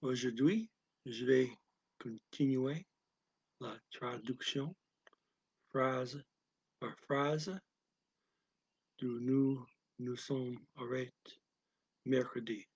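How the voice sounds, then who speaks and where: A man teaching a language lesson, reading each phrase and then its translation in a deliberate, soft manner that drops near a whisper at times. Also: mid-range voice, breathy edge, no room sound, highs cut off. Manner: deliberate, alternates each English phrase with its French version.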